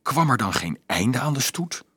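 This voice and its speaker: A man narrating an audiobook in an expressive storytelling manner. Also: medium pitch, normal speed, husky, no room sound, studio quality.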